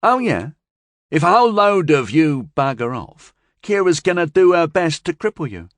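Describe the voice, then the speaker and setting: A woman's voice: low-pitched, sing-song, normal speed, dry recording, studio quality, pitched above the performer's own voice. A male narrator voicing a blunt, slangy young woman aboard a starship.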